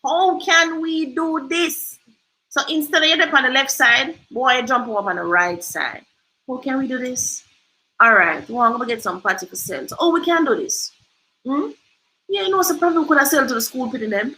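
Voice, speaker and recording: Jamaican woman host, emphatic and preachy, higher-pitched, forceful tone, drifts into patois. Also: lively intonation, a little fast, low-quality recording. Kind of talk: motivational livestream talk.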